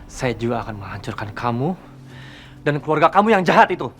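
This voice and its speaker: A man's voice: medium pitch, very animated, brisk, fairly bright tone, soft background music. An actor playing a defiant young man, an estranged and vengeful son who speaks coldly and threateningly in a TV drama.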